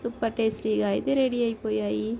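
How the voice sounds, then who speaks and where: A woman talking through a home recipe in a cooking vlog. She sounds mellow and a little gravelly. Her delivery is chatty, step by step, with the same filler words coming back again and again. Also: fairly high pitch, level tone, brisk, a little hiss or hum. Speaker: cooking channel host.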